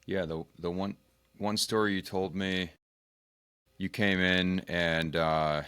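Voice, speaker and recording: A man hosting a casual interview as a physical therapist, talking haltingly with many restarts. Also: low-pitched, steady tone, a bit bright, clean tone, no room sound. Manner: halting, searching for words. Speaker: physical therapist and podcast host.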